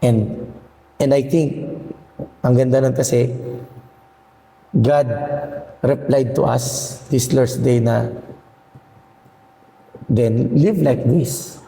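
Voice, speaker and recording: A man with a hoarse, gravelly voice talks candidly at a church fellowship, poking fun at himself. His tone is dark and mellow. The sound rings with the long reverb of a large hall. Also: medium pitch, flat delivery, slow, pauses often. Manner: candid, self-deprecating, laughs often. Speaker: church member sharing at fellowship. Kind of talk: casual faith chat.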